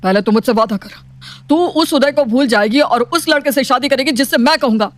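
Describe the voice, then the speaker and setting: A woman's voice: high voice, fairly quick, lightly acted. A woman voicing a stern wealthy father. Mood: stubborn. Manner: commanding, scolding. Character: stern wealthy middle-aged father, strict and proud. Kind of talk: animated storybook voice acting.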